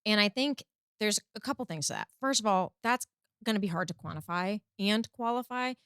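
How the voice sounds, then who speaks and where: A woman's voice: medium pitch, brisk, a bit bright, smooth, no room sound, clean studio sound. A woman from Texas, a singer-songwriter, chatting as a guest on a podcast, talkative and laughing easily as she wanders off on tangents. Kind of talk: casual interview chat.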